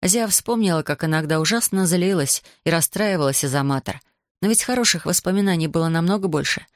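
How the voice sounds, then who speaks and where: A woman's voice: lowish voice, fairly quick, no echo, clean studio sound. Woman narrating an audiobook.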